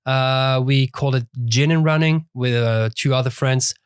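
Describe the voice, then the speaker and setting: Man, podcast co-host, casual chat, halting with fillers, mid pitch, dry close sound. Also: clear, resonant tone, dry recording. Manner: halting, many uh fillers and restarts. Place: dry studio.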